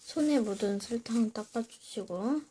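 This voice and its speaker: A woman's voice: fairly high pitch, unhurried, warm tone, a little hiss or hum. A woman hosting a casual eating video, chatting to viewers between bites of sour candy. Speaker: mukbang video host.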